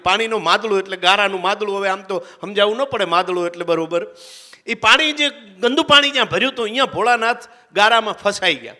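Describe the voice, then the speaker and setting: Animated man telling a devotional tale. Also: high-pitched. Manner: animated, chanting verses, voicing characters in dialogue. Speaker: religious storyteller and event emcee. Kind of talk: devotional storytelling to a live audience.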